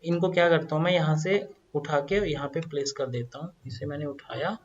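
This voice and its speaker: A man's voice: on the high side, fairly even intonation, brisk, a little hiss or hum. Man teaching code over a dull lo-fi mic. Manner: explaining step by step, repeats phrases. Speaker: coding tutorial teacher. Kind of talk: screen-recorded coding lesson.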